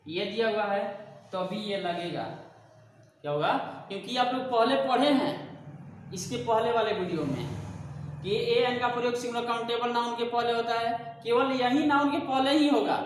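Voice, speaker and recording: In a very echoey room with a little background noise, a high-voiced man runs an English grammar lesson like a classroom teacher. He poses questions himself and answers them to drive each point home.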